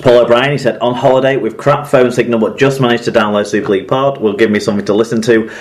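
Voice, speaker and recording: A man's voice: medium pitch, steady tone, fast. A man co-hosting a sports podcast, chatting casually and reading listener messages aloud, laughing often as he reads. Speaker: podcast co-host.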